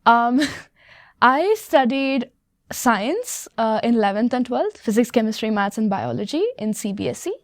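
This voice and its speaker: Eighteen-year-old woman, playful, fairly high voice, dry close sound. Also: lively intonation, a little slow, dry recording. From India. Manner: joking, self-deprecating. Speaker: panelist. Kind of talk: student self-introduction.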